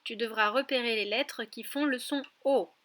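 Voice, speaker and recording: A woman teacher giving a recorded lesson to young children, speaking slowly and clearly and addressing the child directly. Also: on the high side, a bit bright. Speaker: preschool teacher.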